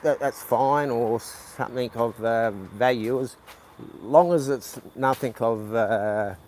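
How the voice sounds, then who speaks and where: Man, casual live-stream chat, rambling with restarts, phone mic outdoors, faint street noise. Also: medium pitch. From New Zealand. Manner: rambling, halting, with many restarts. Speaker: livestreaming vlogger. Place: outdoors at a night market.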